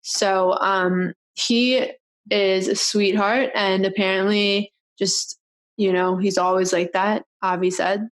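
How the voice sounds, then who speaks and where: A woman's voice: medium pitch, fairly even intonation, slow. A young woman hosting a casual video interview, bubbly and teasing, laughing often. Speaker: host.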